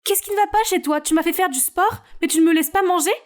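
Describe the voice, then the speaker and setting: A fed-up teenage girl complains in a high, whiny voice, as a woman acts her out. She sounds worn out and exasperated, like a heroine in an animated story. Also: fast. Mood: indignant. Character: worn-out teen girl in training.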